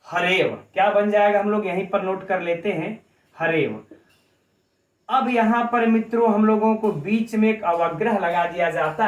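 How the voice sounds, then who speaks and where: High-voiced man teaching grammar, echoey room. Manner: explains step by step, keeps addressing the students as friends and quizzing them. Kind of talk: exam coaching lecture.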